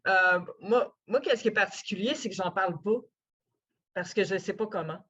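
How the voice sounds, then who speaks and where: A woman's voice: medium pitch, normal speed, sharp tone, breathy edge. A woman on an online panel, talking casually and trailing off. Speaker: poet. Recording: dull lo-fi sound.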